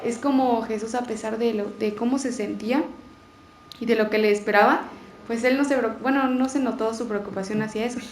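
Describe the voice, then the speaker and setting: A woman talks through her thoughts on scripture, hesitant and full of fillers and restarts. Her voice is a little high. The room is echoey, with a faint hiss underneath. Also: fairly even intonation, brisk. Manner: hesitant, many fillers and self-corrections. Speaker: participant in a Bible conversation. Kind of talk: casual reflective talk.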